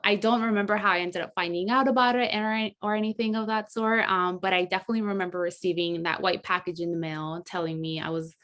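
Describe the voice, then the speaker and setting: Twenties woman, kinda low voice, modest and thoughtful, chatting as an interview guest. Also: fairly bright tone. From Colombia, raised in South Florida. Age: 20s. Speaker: guest, graduate student. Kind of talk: casual interview answers.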